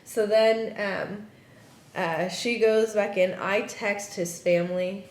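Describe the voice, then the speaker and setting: A woman's voice: fairly even intonation, slow, a little mellow. A woman telling a personal story in conversation, animatedly acting out the quoted dialogue. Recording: roomy echo with faint rumble.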